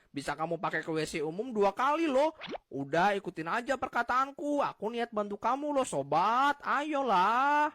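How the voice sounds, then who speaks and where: A man's voice: high-pitched, pushed and bright, dry recording, full character voice. A man voicing a sly young man coaxing a shopkeeper to cheat on change, in a comedy skit. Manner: smooth-talking, coaxing.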